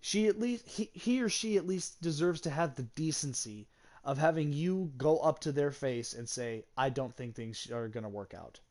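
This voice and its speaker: A man's voice: medium pitch, expressive, moderate pace, darkish tone. A young man candidly telling a personal story, swearing freely and sounding regretful. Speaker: gaming channel host.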